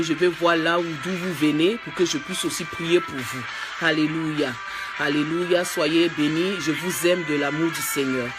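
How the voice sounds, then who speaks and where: Woman preacher live-streaming a fervent, repetitive sermon that swells toward shouting, with heavy music behind. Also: deep voice. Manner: speaks in tongues. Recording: loud music underneath.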